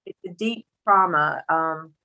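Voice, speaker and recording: A middle-aged woman with a Mississippi Southern country accent tells a personal story in conversation. Her voice sits a little low and has a bright, forceful edge. She speaks candidly and folksily, repeating phrases for emphasis. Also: unhurried, rough recording. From Mississippi, rural United States. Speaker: interview guest telling her story.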